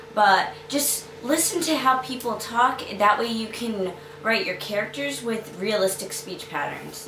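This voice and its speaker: A woman's voice: mid-range voice, a bit bright, a little hiss or hum. Young woman with a slight Boston accent. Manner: chatty, upbeat, many fillers and restarts. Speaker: young adult novelist giving writing tips. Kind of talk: casual tutorial talk to camera. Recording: echoey room, mic at a distance.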